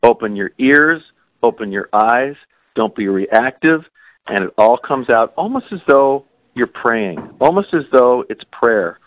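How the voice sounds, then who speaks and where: A man's voice: mid-range voice, animated, unhurried, dry recording, phone-quality sound. A man co-hosting a podcast about coaching and parenting, talking earnestly and repeating key phrases for emphasis. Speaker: podcast co-host. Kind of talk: podcast conversation.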